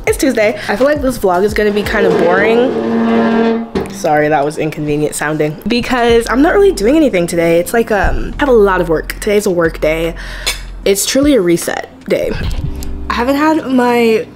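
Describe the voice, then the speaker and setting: A woman's voice: mid-range voice, very animated, normal speed. A young adult woman vlogging to camera in a casual, candid and confiding way.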